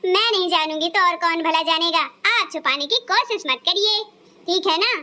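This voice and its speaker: A woman voicing a sharp-tongued elder daughter-in-law in a cartoon, speaking in an accusing, sarcastic way. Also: extremely high pitch, moderate pace. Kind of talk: Hindi cartoon dubbing.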